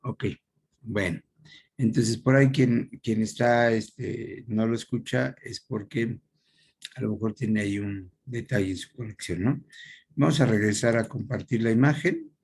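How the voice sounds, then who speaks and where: A man's voice: on the low side, measured pace, darkish tone, slight background noise. A man teaching an online class, patient and checking often that his students follow. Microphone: computer microphone on video call.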